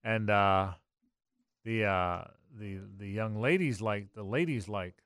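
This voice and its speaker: A man's voice: fairly low pitch, slow, fairly bright tone, clear, resonant tone, no echo, studio quality. A man hosting live sports talk radio, emphatic and often repeating his phrases.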